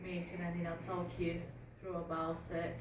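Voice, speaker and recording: Her lowish voice is completely flat, moving at normal speed. She is a police community support officer whose first language is Bulgarian, speaking informally to a community group with lots of fillers and restarts, recorded in an echoey, noisy room from a distant mic.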